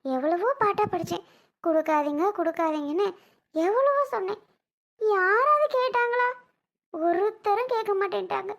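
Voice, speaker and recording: A woman's voice: very high-pitched, fairly quick, vocal fry. A woman playing a bitter young wife who complains tearfully and scolds as she grieves her family's losses. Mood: bitter lament.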